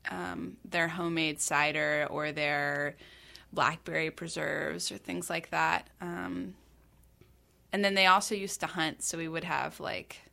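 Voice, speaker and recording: Woman from north carolina, bright voice with some fry, chatty and thoughtful. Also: deep voice, steady tone, unhurried. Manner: thoughtful, with many fillers and restarts. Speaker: conversation partner. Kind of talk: casual chat.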